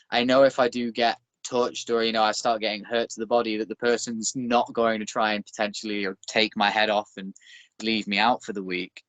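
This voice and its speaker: A man's voice: medium pitch, a bit bright, dry recording. A man in his thirties from Northern England with a Northern English accent, a bare knuckle boxer chatting as a guest with dry, self-deprecating humor. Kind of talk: casual interview chat.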